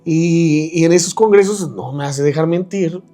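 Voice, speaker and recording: A man with a Mexican accent, a podcast guest telling his personal testimony in a casual, animated way, acting out the voices of the people in his story and laughing at himself. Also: on the high side, normal speed, soft background music.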